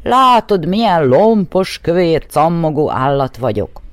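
A woman's voice: low voice, big pitch swings, no room sound. A woman voicing a clumsy, fat forest bear who grumbles and pleads. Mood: pleading.

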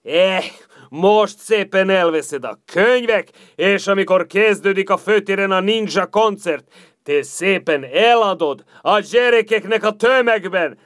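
A man's voice: high voice, fairly bright tone, clean tone, no room sound, studio quality. Man doing an easygoing café loafer, Serbian accent. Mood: wheedling. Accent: Serbian-flavored Hungarian. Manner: drawling, easygoing, peppered with Serbian slang. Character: laid-back older male café loafer and hustler. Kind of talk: radio comedy sketch.

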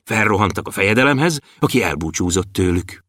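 A man reading a children's story aloud with animated, expressive narration. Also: on the low side, no echo, clean studio sound.

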